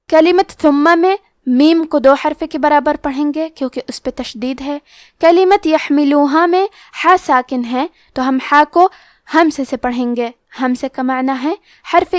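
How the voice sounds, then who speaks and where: A woman's voice: high voice, no echo, clean studio sound. A woman teaching Quran recitation rules, explaining carefully and stretching out sample words. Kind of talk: tajweed lesson.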